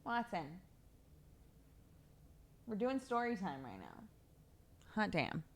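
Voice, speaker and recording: A woman streamer who chats casually with her viewers and reads stories aloud at an easy, unhurried pace. Her pitch jumps about in a lively way, and she is giggly and offhand, with the odd swear word. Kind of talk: casual live-stream chat and storybook reading.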